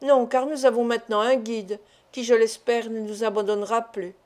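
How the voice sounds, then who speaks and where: A woman's voice: on the high side, steady tone, moderate pace, a little mellow, natural voice. Determined young forester, curt and firm, read by a woman. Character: brisk, stubborn young male forester.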